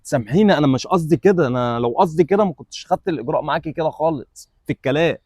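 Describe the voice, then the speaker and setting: Brief: male actor as a snappish, dismissive young man, Egyptian accent, rapid delivery. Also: on the high side, expressive, dry recording, clean studio sound. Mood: apologetic. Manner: brusque, dismissive, quick to shout. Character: rude, arrogant young man who later grovels. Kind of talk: web sketch acting.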